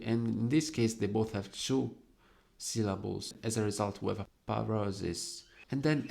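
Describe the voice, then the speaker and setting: Young guy w a low gravelly voice, talks real slow, breaks down his own poem line by line. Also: darkish tone. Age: young adult. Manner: slow and deliberate, lingering over quoted verse words. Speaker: poet explaining his own work. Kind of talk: explaining poetic devices.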